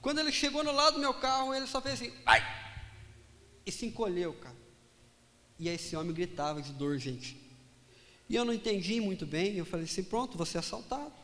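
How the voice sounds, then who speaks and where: A pastor telling a personal story in a sermon, animated and dramatic, acting out the dialogue. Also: male voice, high-pitched, quick pace, big-room sound.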